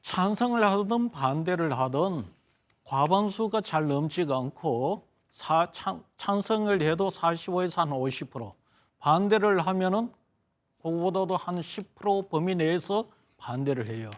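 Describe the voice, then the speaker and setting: A man with a somewhat high voice, taking part in a televised current-affairs panel as a pollster. He lays out survey numbers in long, measured, analytical explanations. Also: animated. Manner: analytical, explains figures at length.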